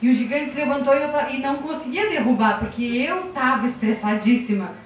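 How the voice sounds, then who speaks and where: A woman's voice: high voice, a little fast, slight background noise. A young woman with a southern Brazilian accent gives an emotional, conversational church testimony, acting out the dialogue she recounts, then leads a prayer. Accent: southern Brazilian Portuguese. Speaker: church member giving testimony. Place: church hall. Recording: very echoey room, mic far off.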